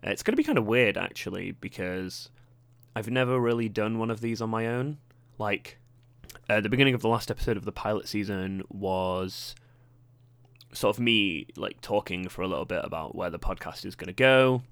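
Posh-sounding British man, low and dry. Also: normal speed, vocal fry, fairly bright tone, clear, resonant tone, no echo. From Britain. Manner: rambling, self-deprecating, many fillers. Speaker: podcast host. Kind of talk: casual solo podcast chat.

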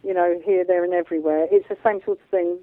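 A woman guest who works as a medium and channeller rambles informally about her spiritual beliefs, often checking that she's being followed. She talks fast in a lowish, fairly even voice, recorded dry over a narrow, phone-like line.

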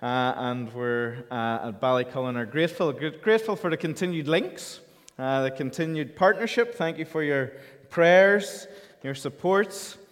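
A man's voice: medium pitch, moderate pace. A man with a Donegal accent, a pastor preaching an informal, conversational sermon in an echoey church hall. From County Donegal, Ireland. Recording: echoey hall with long reverb.

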